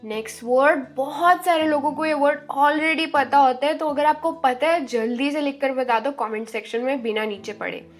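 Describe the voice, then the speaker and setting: A woman giving an online language lesson, drawing out each word slowly and asking the viewers questions. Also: sits high, soft background music. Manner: slow, drawn-out spelling of each word; encouraging, asks questions to viewers. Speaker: language teacher.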